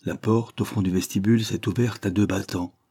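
A man narrating an audiobook in a measured, storytelling way. His voice sits low, dark and husky. He reads steadily and without hurry. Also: steady tone.

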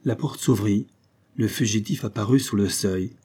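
Low, dark, husky male narrator. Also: moderate pace. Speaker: audiobook narrator. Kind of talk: scripted narration.

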